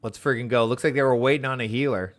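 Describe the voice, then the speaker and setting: A man streaming a game with casual, excitable commentary, reading the dialogue aloud as he plays. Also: medium pitch, fast talker. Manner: excitable, exclaims and laughs often; reads on-screen dialogue aloud.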